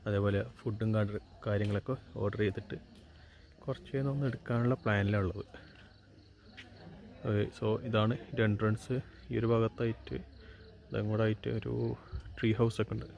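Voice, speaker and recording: A man's voice: on the low side, fairly even intonation, moderate pace, pauses often, darkish tone, lo-fi sound. A man with a Malayali accent giving a casual walk-through vlog narration, mixing Malayalam with English words. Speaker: travel vlogger. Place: on location around a forest resort. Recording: noisy on-location recording, outdoor ambience.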